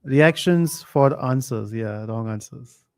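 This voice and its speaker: A man hosting a live online quiz, reading chat comments aloud and thinking out loud with fillers. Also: medium pitch, slow. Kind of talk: casual live stream chat.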